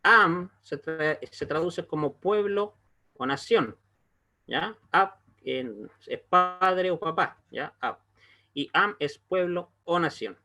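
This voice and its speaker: A man with a slightly high-pitched voice gives an online language lesson. He explains in a slow, patient way and keeps stopping to check that his students are following. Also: lively intonation, pushed and bright. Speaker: Hebrew teacher.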